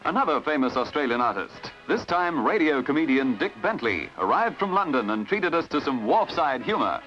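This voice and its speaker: Guy narrating an old newsreel, kinda high voice, formal and punchy, muffled lo-fi sound with loud music under it. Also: big pitch swings, normal speed. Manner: formal, declamatory.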